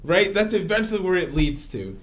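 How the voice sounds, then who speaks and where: Cast: male podcast co-host, higher voice, lively swings, rambling and laughing. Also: fairly quick. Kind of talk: casual comedic debate.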